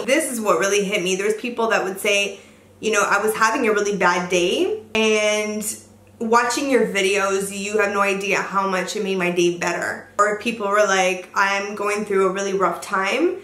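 Chatty young woman doing makeup on camera, gushy and earnest, bit of room echo. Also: medium pitch. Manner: bubbly and earnest, gushing, drifts into quiet asides to herself. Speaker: beauty vlogger. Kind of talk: chatty get-ready-with-me makeup tutorial. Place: bright room, seated on a sofa indoors.

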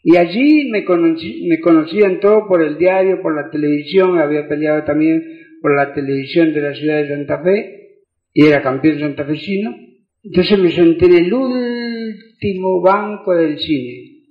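An older man with an Argentine accent giving an emotional sermon testimony in a church, building to shouted praise. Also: fairly high pitch, normal speed. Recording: echoey, muffled church recording.

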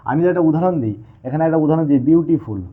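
Fast-talking male physics teacher, tinny sound. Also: on the high side, expressive. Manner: asks the class questions and answers them himself; addresses students informally. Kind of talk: classroom physics lesson.

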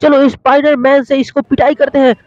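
A man with a very high voice narrates toy play for children, piling on excited exclamations and speaking straight to the kids. The recording is dull and lo-fi, with a dry, close sound. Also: fairly quick, no room sound. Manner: excitable, full of exclamations, addresses kids directly. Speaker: toy video host.

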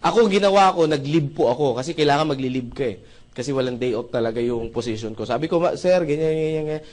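A man's voice: mid-range voice, fast. A young man from the Philippines telling a live audience his story, acting out quotes and often asking the crowd for agreement. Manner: animated, acts out quotes, asks the audience "right?". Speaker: speaker giving a testimony to an audience.

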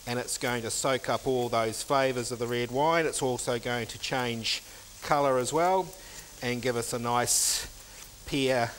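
A middle-aged man walks through a recipe as a cooking instructor, speaking in a steady, even explaining voice while he works. His pitch sits in an ordinary middle range. He is recorded on a lapel mic in an indoor teaching kitchen, with faint noise underneath. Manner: steady step-by-step explaining while working, with filler ums. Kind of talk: cooking demonstration.

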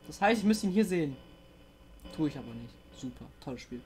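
A woman playing a horror game and commenting, jumpy and excitable, often swearing and coaxing the monster on screen. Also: low voice, fairly quick. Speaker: let's player.

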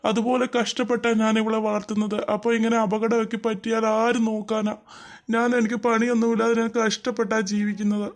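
A man voicing a struggling single father in a cartoon, protective and quick to scold. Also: high voice, level tone. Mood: indignant. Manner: scolding, complaining.

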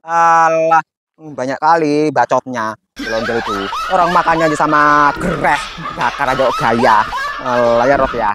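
A man acting a grumbling, quick-tempered village mother in a slapstick sketch. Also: mid-range voice, noisy background. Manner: grumbling, mocking asides. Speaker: comic actor.

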